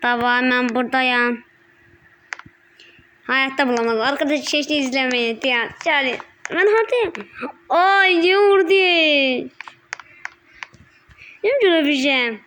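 A woman giving casual gameplay commentary, excitable and breaking into high yelps and repeated shouts. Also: measured pace, pauses often, slight background noise. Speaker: gaming channel host.

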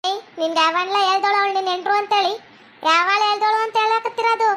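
A woman playing an angry wife in a comedy skit, scolding loudly. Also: very high voice, fast, slight background noise. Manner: scolding, loud, insulting.

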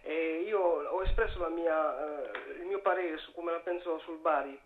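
A man's voice: on the high side, fairly even intonation, a little slow, slight background noise. A man calling in over the phone to a sports talk show with a question, talking hesitantly with many fillers. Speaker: caller. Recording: tinny phone line.

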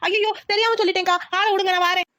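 A woman's voice: extremely high pitch, fairly even intonation, rapid-fire, pushed and bright, dry recording, studio quality. A woman voicing a clingy, cheeky young male cousin from the village in a cartoon.

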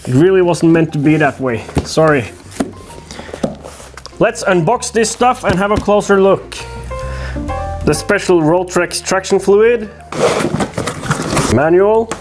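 A man hosting a workshop vlog, explaining things to camera in a measured, casual way. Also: high-pitched, animated. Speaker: host of a workshop build vlog. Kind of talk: casual scripted narration to camera. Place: workshop room, indoors. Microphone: lapel mic. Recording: music behind the voice.

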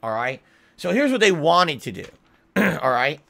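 A man's voice: fairly high pitch, very animated, a little slow, vocal fry, a bit bright. A middle-aged American man streaming a casual monologue, explaining things emphatically in an aggrieved way with frequent check-in tags. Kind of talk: casual livestream monologue to viewers. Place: small home room with acoustic foam, indoors. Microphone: desk microphone with pop filter, close.

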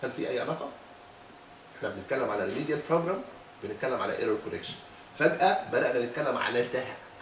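A middle-aged man with an Egyptian Arabic accent, serving as a thesis examiner, critiques a defense in a lecturing tone and probes with rhetorical questions. His mid-range voice is slightly bright, picked up from a distance in an echoey room with a little hiss or hum.

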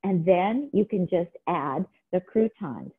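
Middle-aged woman, chatty cooking demo, low voice, tinny call line. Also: animated, slow, husky. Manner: chatty, enthusiastic. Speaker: cooking demonstrator. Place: home kitchen. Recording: tinny phone-like video call audio.

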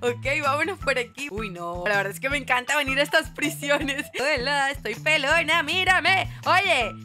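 A woman's voice: high voice, moderate pace, sharp tone, faint music behind. A woman giving playful, exclamatory gameplay commentary, talking straight to her viewers with giggles. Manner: exclamatory, giggly, addresses viewers as "mis amores". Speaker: gaming YouTuber.

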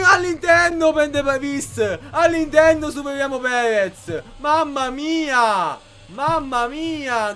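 Young gamer, high voice, excitable play-by-play to his viewers. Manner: excitable, talks to viewers as raga. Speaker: gaming youtuber. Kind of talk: live game commentary.

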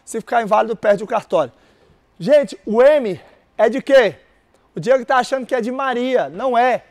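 Male teacher with a very high voice, energetic lecturer who keeps quizzing the room. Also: moderate pace. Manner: energetic, repeats key words, quizzes audience. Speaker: exam prep teacher. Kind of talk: live-streamed lecture with call-and-response.

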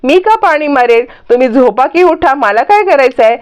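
Woman voicing a calm, caring older lady. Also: high-pitched, normal speed.

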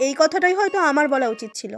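A woman voicing a jealous, quick-tempered young woman, reading her lines in a hurried, pleading way. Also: high-pitched, animated, faint music behind. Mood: upset.

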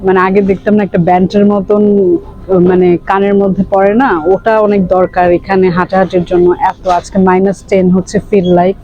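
A young Bangladeshi woman, a vlogger and mother, narrates her daily vlog in a chatty way, mixing in English words while filming on a handheld phone outdoors in winter and inside a library. Her medium-pitched voice is flat and a little fast, and the audio sounds dull.

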